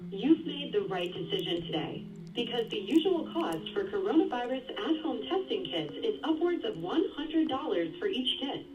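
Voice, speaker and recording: A woman's recorded phone message, reading a scripted automated phone menu in a polite, measured, instructing way. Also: on the high side, very animated, background noise. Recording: distant phone-line recording with music behind.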